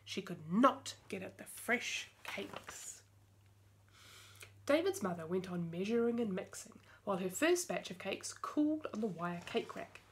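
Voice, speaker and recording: A woman reads a children's storybook aloud. Her telling is lively and expressive, and she shifts her voice for the characters. Her pitch sits in the middle range. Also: a little slow, slight background noise. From New Zealand. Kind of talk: reading a picture book aloud.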